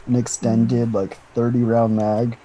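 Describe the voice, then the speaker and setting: A man's voice: medium pitch, level tone, unhurried, dark tone, slight background noise, poor audio. A man co-hosting a podcast in casual chat, laid-back and joking with sarcastic asides. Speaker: podcast co-host.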